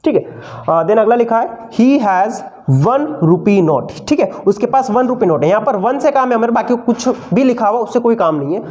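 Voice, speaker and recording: A man's voice: very high voice, lively intonation, fairly quick, a little mellow. A male teacher giving an exam-prep grammar lesson, who keeps asking his students questions, answers them himself, and fondly calls them "son".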